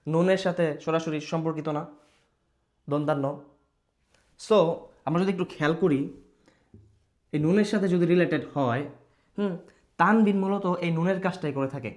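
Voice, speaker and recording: A man's voice: fairly high pitch, moderate pace, long pauses, darkish tone. A male teacher giving a patient children's reading lesson, asking questions, answering them himself and mixing in English words. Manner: mixes English words into his speech.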